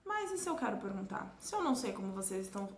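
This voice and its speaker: A woman teacher with a Brazilian Portuguese accent giving a recorded lesson to children, repeating example words slowly and clearly. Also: medium pitch, very animated, reverberant, slight background noise. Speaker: English teacher.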